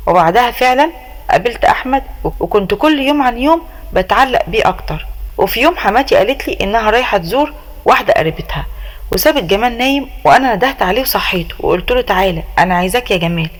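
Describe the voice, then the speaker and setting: A woman with an Egyptian accent narrating a first-person story in a brisk, dramatic way. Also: a little high, expressive. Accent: Egyptian Arabic.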